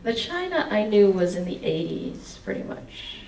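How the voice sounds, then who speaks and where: This rough, roomy recording, made far from the mic, captures a woman in her 40s reading from her own memoir through a headset mic in an indoor meeting room before answering questions from the audience. Her mid-range voice moves at a moderate pace with some vocal fry, and her reading is expressive, breaking now and then into bits of song.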